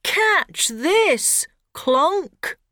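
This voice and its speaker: A woman voicing an excited young boy in a storybook read for learners. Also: high-pitched, drawn-out words, no echo, studio quality, voice pushed up, full character voice. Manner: excited and exclaiming.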